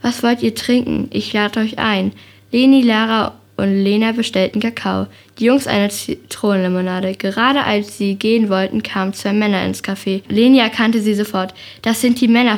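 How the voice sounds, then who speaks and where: A woman reads a children's detective story aloud. Her voice sits at an average pitch, and she tells the story in a calm, clear way.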